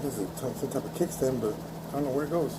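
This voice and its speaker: A man spins a profanity-laced story in a loose, animated way while tinkering with a bike. His voice sits at an ordinary middle pitch. Clear vehicle noise hums behind him outdoors. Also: fast. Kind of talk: casual storytelling vlog.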